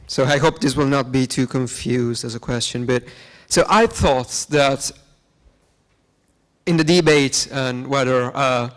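A young man in the audience asks a long, careful question in a lecture hall. He hesitates often, filling gaps with ums. His voice is at a middle pitch, held close to a handheld mic. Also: fairly bright tone. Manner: halting, many ums. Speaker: audience member asking a question. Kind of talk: academic question.

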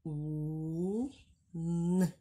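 A woman teacher from Brazil with a northeastern Brazilian accent, speaking slowly in a sing-song way as she sounds out syllables and praises young children in a recorded phonics lesson. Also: sits low, fairly even intonation, warm tone. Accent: Brazilian Portuguese, northeastern. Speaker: first-grade teacher.

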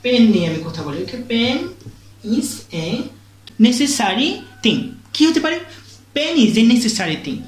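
A woman's voice: on the high side, very animated. A woman teaching an English grammar lesson, who keeps asking questions and answering them herself and checks in after each point. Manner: slow, drawn-out English example sentences. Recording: echoey room.

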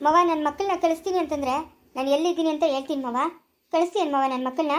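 A woman's voice: high-pitched, fast talker, lightly acted. A woman voicing a pleading estranged mother. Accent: rural Chikkaballapura Kannada.

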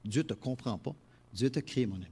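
A middle-aged man with a Quebec French accent delivers a sermon in a voice of ordinary pitch. He preaches with animation, rising into loud emphatic phrases and dropping into quiet, confiding asides. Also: lively intonation, fairly quick, husky. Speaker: pastor.

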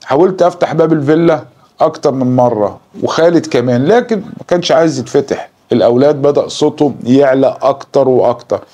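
A man with an Egyptian Arabic accent narrating a horror story in a slow, dramatic storytelling manner. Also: medium pitch, warm tone.

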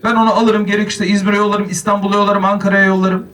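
A man's voice: high voice, level tone, quick pace, a bit bright, recorded from a distance. A man, a mayor, giving an earnest public speech at a podium microphone.

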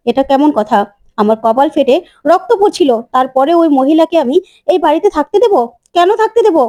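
A woman's voice: high voice, expressive, normal speed, dark tone, dry recording, clean studio sound, pitched above the performer's own voice. A woman voicing an angry, domineering older mother-in-law while retelling a serial episode, indignant and scolding. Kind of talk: serial recap storytelling.

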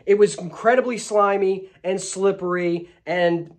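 A man's voice: high-pitched, steady tone. A man in his forties, a fishing vlogger, talking casually and upbeat to the camera indoors at a tackle counter. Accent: New Jersey. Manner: upbeat, chatty, quick asides. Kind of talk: casual vlog talk to camera.

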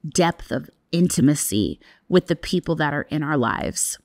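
A woman in her thirties hosting a podcast, guiding a breathwork practice in a soft, calm and gentle manner. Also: deep voice, measured pace. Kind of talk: soft, soothing guided wellness talk. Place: small furnished indoor room, seated. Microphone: close podcast microphone on a boom arm.

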